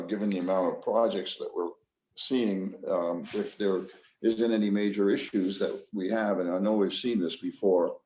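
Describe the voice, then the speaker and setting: Male board chair, businesslike and procedural, slightly low mellow voice, roomy echo. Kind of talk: chairing a public meeting. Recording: roomy, echoey meeting audio.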